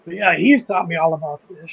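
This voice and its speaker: A man's voice: a little high, moderate pace, gravelly, slightly rough, phone-quality sound. A man with a Midwestern accent hosting a casual livestream chat, rambling, restarting sentences and laughing easily. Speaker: host of a model railroad channel.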